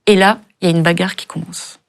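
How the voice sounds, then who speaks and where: Halting, gravelly-voiced middle-aged Frenchwoman. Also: lowish voice, steady tone. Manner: halting, repeats words when upset. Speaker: guest, bereaved mother. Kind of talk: emotional testimony interview.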